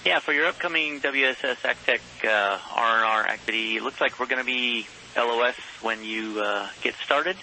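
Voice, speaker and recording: Faint hiss runs under a man's very bright, forceful radio voice. He is a mission control communicator talking to a space crew. His delivery is procedural yet informal and conversational. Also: mid-range voice, brisk, few pauses, poor audio. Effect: space radio transmission. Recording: hissy space-to-ground radio link.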